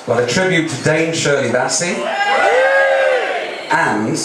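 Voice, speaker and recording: A man's voice: a little high, lively intonation, takes it slowly. Campy drag queen, echoey live room. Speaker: drag cabaret performer and host. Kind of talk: live stand-up comedy patter with audience banter. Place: live cabaret stage in a music cafe. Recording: echoey live venue, distant mic, loud crowd noise. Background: loud audience noise and laughter.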